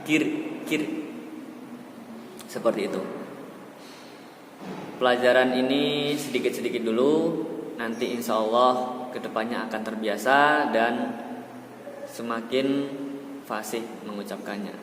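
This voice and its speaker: A man teaching Quran recitation to children in a slow, patient manner. He demonstrates each sound carefully. The voice rings in a roomy space with a long echo. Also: medium pitch, a bit bright, slight background noise. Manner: patient, demonstrates words slowly. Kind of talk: tajweed lesson for children.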